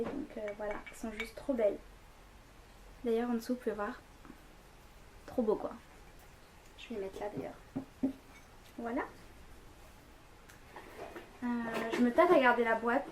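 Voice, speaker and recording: Young woman, chatty and rambling, slightly high voice, faint background hiss. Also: a little mellow. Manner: chatty, rambling, many fillers. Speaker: vlogger. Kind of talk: casual haul vlog.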